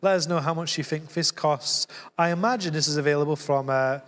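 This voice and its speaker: A man's voice: a little high, a little fast, fairly bright tone, long reverb tail. Easygoing man hosting a quiz stream. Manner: easygoing, laughs often, teasing. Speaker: co-host. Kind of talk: casual live-stream quiz chat.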